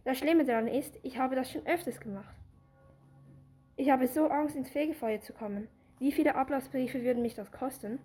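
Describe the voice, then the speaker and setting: Woman acting young daughter, high-pitched, guilty, anxious, pleading, amateur audio play. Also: normal speed, dark tone, breathy edge, soft background music.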